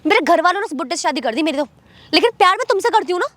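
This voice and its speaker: Young woman, very high-pitched and fast, insistent. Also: expressive, a bit bright. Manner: insistent, scolding, pleading. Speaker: accused sister-in-law in a confrontation. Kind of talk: staged street confrontation.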